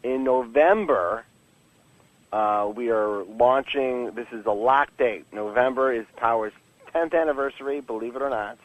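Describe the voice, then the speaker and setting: Interviewed on a podcast, a man who writes comic books speaks unhurriedly in a mid-range voice. He rambles casually and honestly, stumbling into frequent false starts while keeping a joking streak, on a low-quality recording.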